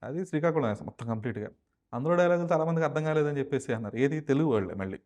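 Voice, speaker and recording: Male interview host, quick delivery, prompting and agreeable. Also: medium pitch, lively intonation, a little mellow. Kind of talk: interview questions and comments.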